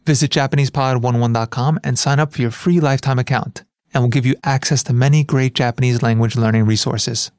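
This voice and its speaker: A man's voice: medium pitch, steady tone, a little slow, a little mellow. A man announcing a language-learning podcast in an upbeat, scripted promotional read.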